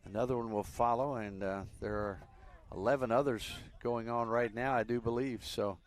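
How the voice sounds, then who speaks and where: A man doing live play-by-play commentary on a youth soccer match, relaxed and chatty with frequent fillers. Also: mid-range voice, normal speed.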